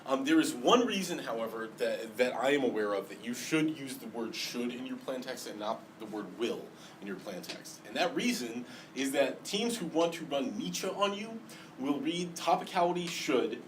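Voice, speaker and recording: A man's voice: medium pitch, expressive, moderate pace. A man lecturing a class on debate, explaining step by step with many ums and a slight lisp today. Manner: explanatory, frequent ums and restarts. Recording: distant mic, faint background noise.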